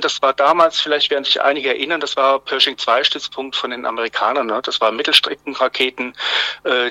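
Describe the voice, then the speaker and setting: Bright-voiced man in his fifties, on the phone. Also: medium pitch, no room sound, poor audio. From Germany, Swabia. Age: 50s. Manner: hesitant, many fillers and restarts. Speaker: guest journalist. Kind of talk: phone interview. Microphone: phone line.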